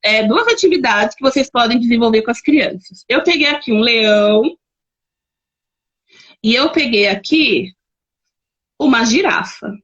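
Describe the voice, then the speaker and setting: A woman's voice: fairly high pitch, expressive, measured pace, long pauses, fairly bright tone, lo-fi sound. A woman with a Brazilian Portuguese accent hosting a live-streamed lesson, chatting and reading out viewer comments as she gives examples. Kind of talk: live-streamed teaching talk.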